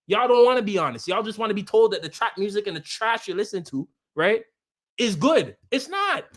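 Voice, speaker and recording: Male streamer, high voice, heated combative rant aimed at chat. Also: very animated, a little fast. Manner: combative, repetitive, talks straight at chat. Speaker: live streamer.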